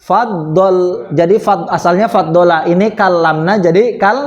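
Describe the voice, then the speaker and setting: A male teacher with an Indonesian accent leads a lesson in a small prayer room, speaking slowly and patiently. His voice is fairly high for a man. He keeps putting questions to his students and answering them himself. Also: lo-fi sound. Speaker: Islamic grammar teacher.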